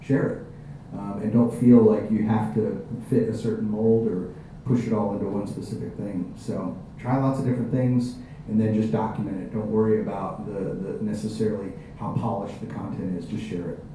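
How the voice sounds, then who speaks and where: A man's voice: lowish voice, fairly even intonation, moderate pace, mellow. A man speaking on a panel to an audience, giving encouraging advice with emphatic repeated words. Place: panel event room with an audience. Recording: very echoey room, distant mic, faint noise.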